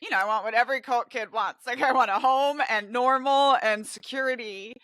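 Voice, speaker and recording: A woman who grew up in Brazil and Mexico hosts a casual podcast conversation, talking candidly and animatedly. Her voice is bright and forward, and the room sounds dry and close. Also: a little high, brisk, clean tone, no room sound. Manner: candid, animated personal storytelling. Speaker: podcast host. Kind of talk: casual chat.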